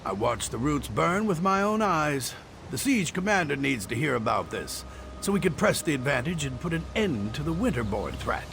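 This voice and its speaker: A man's voice: fairly high pitch, sing-song, normal speed, gravelly, fairly bright tone, faint music behind, heavily acted. An actor playing a jovial, worldly male adventurer with a hearty, theatrical manner, in a video game. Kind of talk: game voice acting. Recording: game audio with background noise.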